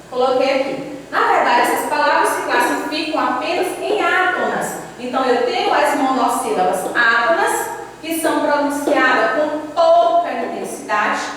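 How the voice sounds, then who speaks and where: A woman's voice: high voice, fairly bright tone. A woman teacher with a Brazilian Portuguese accent, explaining a grammar lesson and counting out examples one by one. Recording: echoey hall, voice from far off, faint hum.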